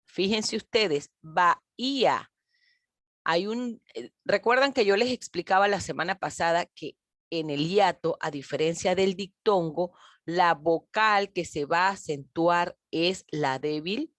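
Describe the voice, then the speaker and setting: In a recorded grammar lesson free of room sound, a woman teacher with a lowish voice talks to her pupils directly. Her delivery is slow and emphatic, drawing out the key words.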